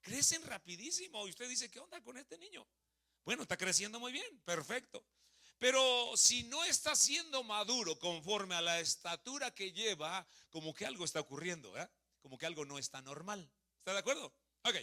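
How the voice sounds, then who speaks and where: A lively sermon comes from a Mexican man in his thirties, speaking at a normal speed in a high-sitting voice with a Mexican Spanish accent. Standing in a church hall, he asks the congregation questions and jokes with them.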